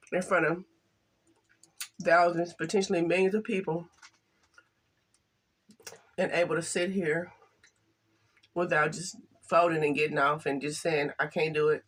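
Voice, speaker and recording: An older woman chatting casually to camera while eating, halting and soft-spoken, with some stutters. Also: on the low side, fairly even intonation. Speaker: mukbang vlogger.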